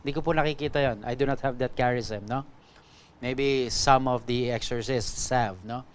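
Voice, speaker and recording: Resonant Filipino priest teaching. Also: male voice, mid-range voice, steady tone, normal speed, clear, resonant tone. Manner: switches between Tagalog and English, frequent "no?" and "okay?" tags; addresses the audience politely with "po". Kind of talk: teaching talk on spiritual warfare.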